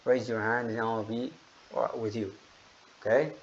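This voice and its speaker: A man's voice: medium pitch, little pitch movement, measured pace, highs cut off, a little hiss or hum. Man teaching English online. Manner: explains grammar rules patiently, calls on students by name. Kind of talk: online class teaching, mixing Arabic and English. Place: online classroom session.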